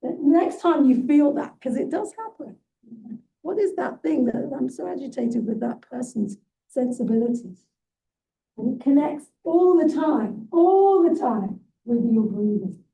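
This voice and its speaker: A woman's voice: sits high, animated, unhurried, vocal fry, mellow, distant mic, rough recording. A woman leading a movement workshop, coaching with encouraging asides and frequent "right?". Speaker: workshop leader and guest speaker. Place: event hall.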